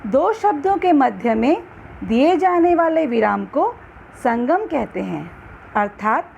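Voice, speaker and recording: A woman reading a scripted grammar lesson, slowly and carefully, stressing each example word. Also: high voice, creaky, a little mellow, a little hiss or hum. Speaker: teacher.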